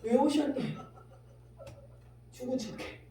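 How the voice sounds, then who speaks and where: A woman preacher giving a fiery sermon. She swings between shouting and hushed asides, firing rhetorical questions at the congregation. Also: high-pitched, very animated, slow. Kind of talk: fiery Korean revival sermon. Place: large echoing prayer-house hall. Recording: very echoey hall, voice far from mic, faint hum.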